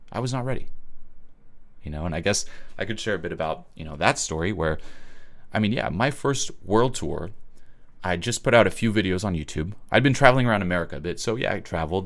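With a deep but slightly bright voice, this Swiss man talks expressively and a little fast. His motivational webinar is blunt and forceful, full of swearing and frequent "okay?" check-ins.

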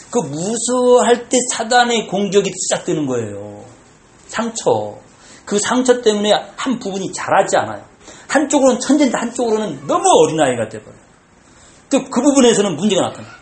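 Male pastor, animated conversational preaching, slightly high voice, echoey church room. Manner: conversational preaching, acts out quoted lines. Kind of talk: sermon.

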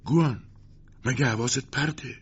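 A man's voice: medium pitch, slightly rough, lo-fi sound, voice pushed up, close to an everyday voice. A man voicing a stern, harsh older judge in a storybook reading. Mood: shaken. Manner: harsh, commanding.

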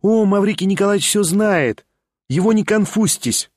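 An impulsive young woman, quick to blush and eager to talk, as a male reader puts her on for an audiobook. Her voice sits noticeably higher and keeps tumbling into excited exclamations. The recording is dry and close. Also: dry recording. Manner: excited, rushing, emotional exclamations. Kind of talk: audiobook character voice.

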